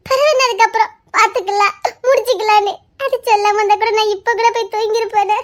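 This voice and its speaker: In a casual couple vlog, a wife with a very high voice and fairly even intonation speaks at a quick pace. She pleads, laughs, and whines as she coaxes her husband into talking.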